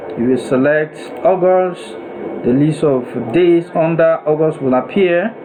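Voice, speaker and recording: A man narrates a step-by-step software tutorial in a deliberate, instructional manner, often repeating and rephrasing himself. His voice is fairly high, and the background is noisy.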